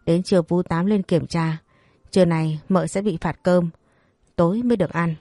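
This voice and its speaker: A strict older matriarch of a wealthy house, laying down the rules in a stern, lecturing way, as a woman reads her. The voice is low and warm. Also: steady tone, moderate pace, no room sound, lightly acted.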